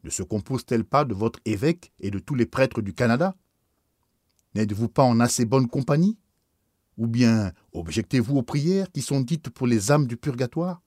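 A man voices a stern, indignant older bishop who scolds with haughty authority. His mid-range voice is expressive and a little mellow, close to an everyday voice, at normal speed. The recording is dry, with clean studio sound.

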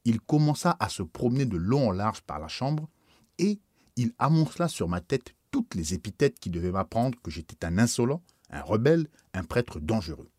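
A man narrating a first-person story aloud in a calm, measured, earnest way. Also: fairly low pitch, slightly rough, dry recording, clean studio sound. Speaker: audiobook narrator.

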